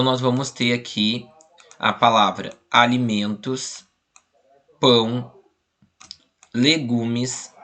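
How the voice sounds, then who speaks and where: A man's voice: mid-range voice, a bit bright. Patient Brazilian male teacher. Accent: Brazilian Portuguese. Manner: patient, spells out letters and syllables slowly. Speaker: primary school teacher. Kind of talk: online class walkthrough.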